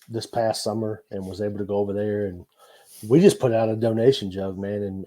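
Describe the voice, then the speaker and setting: A man's voice: lowish voice, dark tone. A man, talking earnestly as a guest and telling stories about his nonprofit work. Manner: earnest storyteller, frequent restarts. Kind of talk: casual conversation.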